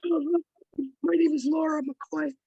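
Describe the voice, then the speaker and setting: A woman with a hoarse, raspy voice that is giving out, politely and haltingly asking a question at an online meeting. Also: high voice, steady tone, dark tone, no room sound, highs cut off. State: losing her voice, hoarse. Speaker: audience member asking a question.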